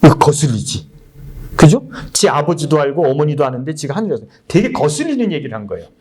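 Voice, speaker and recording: A man's voice: fairly high pitch, sing-song, fast talker, darkish tone. A male pastor giving a conversational sermon, asking the congregation many rhetorical questions and acting out blunt crowd voices. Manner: acts out crowd voices in blunt, coarse speech. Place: church service.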